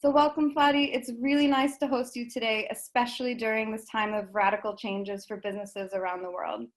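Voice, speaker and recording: A woman with a somewhat high voice hosts an online session over a video call. She reads her prepared introduction in a clear, even, orderly way. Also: fairly quick. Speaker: host of an online speaker session. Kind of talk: scripted introduction and interview.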